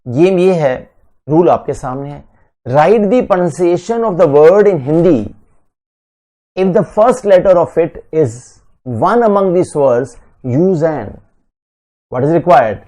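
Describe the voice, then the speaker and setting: This is a male teacher, switching between Hindi and in a classroom lecture. He talks slowly and deliberately and keeps quizzing his listeners. His voice sits a little high but sounds dark and mellow. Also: lively intonation. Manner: slow, deliberate, asks students questions. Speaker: English teacher for entrance exams.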